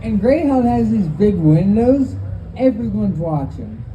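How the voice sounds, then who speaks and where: A woman's voice: medium pitch, sing-song, unhurried, dull audio. Woman doing stand-up, noisy live recording. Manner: profane, conversational, acts out quoted dialogue. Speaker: first-time open mic stand-up comedian. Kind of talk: stand-up comedy storytelling. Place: live open mic venue.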